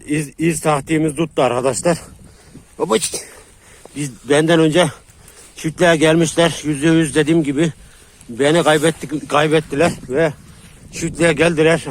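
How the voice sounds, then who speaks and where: A man vlogging outdoors in the countryside on his way to a farm, talking in a hushed low voice on a camera mic. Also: fairly even intonation, moderate pace, a little hiss or hum. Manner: talks low and hushed while tracking, then loud and high calling to his dogs. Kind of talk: casual outdoor vlog.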